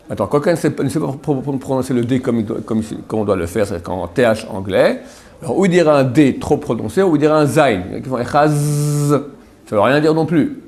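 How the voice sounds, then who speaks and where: A man's voice: mid-range voice, a little mellow. Man teaching, repeating sounds to show them. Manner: explains step by step, repeating and demonstrating pronunciations; addresses students directly with frequent "d'accord?". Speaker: rabbi teaching a class. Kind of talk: religious lesson.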